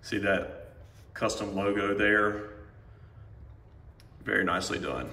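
A man in his forties walks through his home gym with a phone camera, chatting casually and filling pauses with "um". His voice sits a little low but sounds bright and forceful. A long reverberant ring from the bare room hangs behind every word. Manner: relaxed, filler-heavy, chatty. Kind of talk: casual equipment walkthrough. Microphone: phone camera held while walking.

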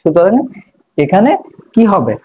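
A man's voice: high voice, big pitch swings, unhurried, highs cut off, slight background noise. A man teaching an English grammar lesson, explaining step by step and asking questions of his learners.

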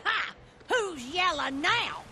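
A woman voicing a brash, foul-mouthed clan bride who yells insults in a drawl. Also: extremely high pitch, sing-song, slow pace, full character voice. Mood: furious. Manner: yelling insults, gravelly drawl. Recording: video game audio with background noise.

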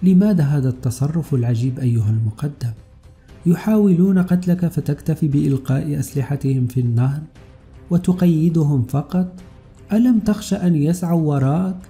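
A man's voice: on the high side, a little fast, dark tone, faint music behind, close to an everyday voice. A man voicing a young female intelligence officer in an audiobook story, with an urgent, questioning delivery.

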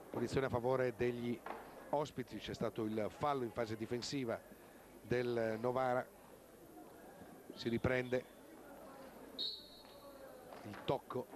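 A man giving live match commentary as a sports commentator, excited and drawing out words at goals. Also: medium pitch. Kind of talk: live goal commentary on an Italian roller hockey match. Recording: very noisy sports hall TV broadcast.

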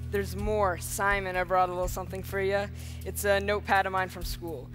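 A man's voice: high-pitched, level tone, a little fast. A fifteen-year-old young man from Brooklyn performing card magician patter, giving instructions to volunteers on a theater stage. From Brooklyn, New York. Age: 15 years old, teenager. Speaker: magician contestant. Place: large theater stage, live talent show. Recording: loud music under stage talk. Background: music.

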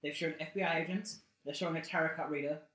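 A young man riffing on a bad movie with deadpan, absurd jokes. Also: fairly high pitch, fast talker, echoey room. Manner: jokey, deadpan absurd asides. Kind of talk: casual movie riffing commentary.

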